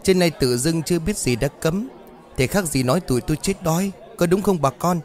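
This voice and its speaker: A man's voice: on the high side, expressive, a little fast, darkish tone, pitched above the performer's own voice, natural voice. A man voicing a defiant male villager who argues back and rouses the crowd in a ghost story.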